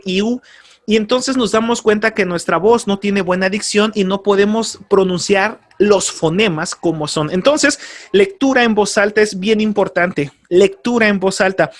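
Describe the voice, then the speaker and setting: A man teaching a workshop to aspiring radio announcers, speaking deliberately and spelling out sounds to demonstrate clear diction. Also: sits high. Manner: deliberate, demonstrative, over-articulating examples.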